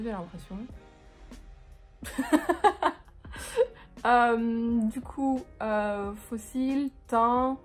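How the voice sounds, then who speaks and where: A woman's voice: fairly high pitch, a little mellow. A woman doing a casual makeup tutorial at home, chatty, rambling and self-mocking, with casual swearing. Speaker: beauty vlogger. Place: living room at home, on a couch.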